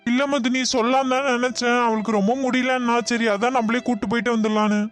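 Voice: medium pitch, level tone, quick pace, soft background music, natural voice. A voice actor playing an earnest, helpful young man in a cartoon, speaking in a soothing, reassuring way. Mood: calm. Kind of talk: cartoon voice acting.

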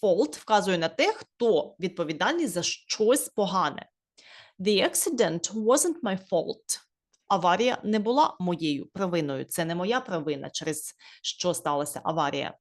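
A woman teacher with a Ukrainian accent works through an English lesson. She reads each English example slowly and carefully, then explains it at her own pace. Her pitch moves a lot and stays animated. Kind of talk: lesson reading and translating examples.

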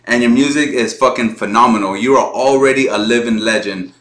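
A man hosting a music reaction video, talking casually and excitedly, swearing freely and laughing often. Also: medium pitch, fairly quick, roomy sound.

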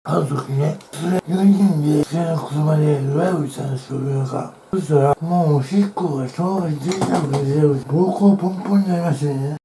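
A man's voice: a little high, brisk. A man telling rambling, chatty stories while eating on his vlog, speaking casually at home. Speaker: eating-show vlogger. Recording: roomy room with faint background noise.

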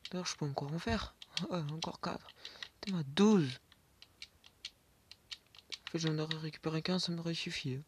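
A man with a fairly high pitch narrates his Minecraft game at a moderate pace, pausing often amid background noise. The gaming YouTuber talks to himself, swears, and sometimes whispers, with keyboard and mouse clicks behind him.

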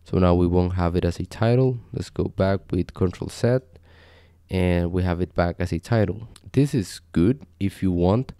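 Young man, very low voice, mellow tone, relaxed tutorial chat, home desk mic. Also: dry recording, clean studio sound. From Costa Rica. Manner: relaxed, conversational, with frequent fillers. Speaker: coding tutorial host. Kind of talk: casual screen-share tutorial. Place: small home desk setup indoors.

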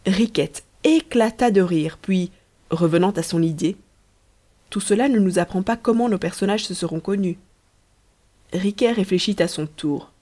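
A woman reading a novel aloud as an audiobook narrator, in a measured storytelling manner. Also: mid-range voice. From Belgium. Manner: measured storytelling, lively dialogue. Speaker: audiobook reader. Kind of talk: scripted narration.

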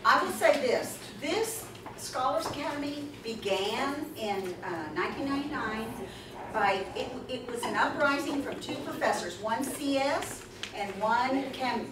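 In a conference room with a seated audience, a woman whose voice sits high talks unhurriedly. Her presentation is animated, emphatic and chatty with asides, and she takes questions. Audio comes from a distant camera in the crowd, so it is noisy and echoey.

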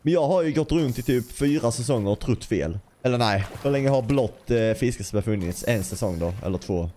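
A man's voice: mid-range voice, animated, warm tone, a little hiss or hum. A man giving casual gameplay commentary as a gaming YouTuber, chatty, swearing lightly and talking straight to his viewers. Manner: bursts into playful scatting and sound effects.

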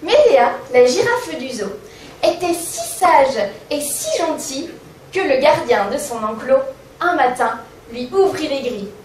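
High-voiced woman telling a rhyming comic tale. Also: animated, unhurried, a little hiss or hum. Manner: sing-song, mock-innocent. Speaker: comedian. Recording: echoey stage sound from far off.

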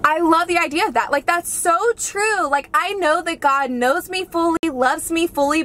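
A woman's voice: high-pitched, fairly bright tone, a little hiss or hum. A young woman in her twenties chatting in a heartfelt, gushing way, filled with "like", as she talks to a camera in a car. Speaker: vlogger. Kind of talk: casual chat. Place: inside a parked car. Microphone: camera on the dashboard.

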